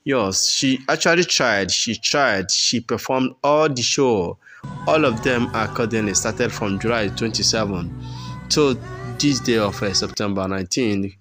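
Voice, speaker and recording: A man with a fairly low voice talks through a concert clip as a channel host. He rambles in a friendly, repetitive way, filling pauses with "uh". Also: music in the background. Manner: chatty, repeats himself, many fillers. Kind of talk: casual voice-over commentary.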